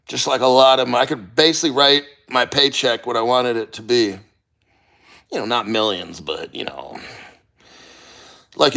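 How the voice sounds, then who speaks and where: A man chatting casually on a livestream, blunt and sweary, with halting, strained delivery and throat-clearing as he endures cold. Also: mid-range voice, pushed and bright. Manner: halting, sighing, throat-clearing while enduring icy water. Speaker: livestreamer reading viewer comments.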